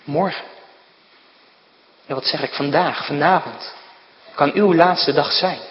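A man's voice: fairly high pitch, slow pace, dull audio. A man preaching a sermon to his congregation, earnest and urging, with repeated direct calls to his listeners. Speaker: pastor. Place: church. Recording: church hall reverb.

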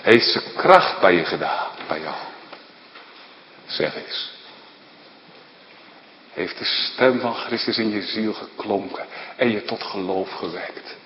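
A pastor preaching a sermon with passion, rising to loud declarations and dropping to hushed questions. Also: male voice, on the low side, slow, pauses often, muffled recording, slight background noise. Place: church hall. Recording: echoey church hall, long reverb.

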